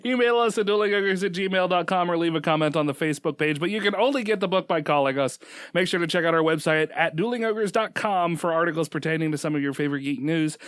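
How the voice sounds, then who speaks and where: A man's voice: a little high, fast talker, fairly bright tone, clean tone, dry recording, studio quality. A young man co-hosting a podcast, teasing and laughing often as he reads the outro in casual banter. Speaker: podcast co-host. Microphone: close dynamic studio mic.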